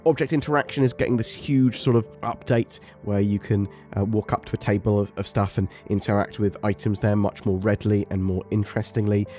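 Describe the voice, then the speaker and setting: A man's voice: on the low side, steady tone, brisk, hardly any pauses, darkish tone, faint music behind. A man hosting a casual gaming update commentary, ill and talking through soreness, in an informal, rambling way. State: ill with covid, sore and painful to talk. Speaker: gaming video host. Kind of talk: casual scripted-notes commentary on game updates.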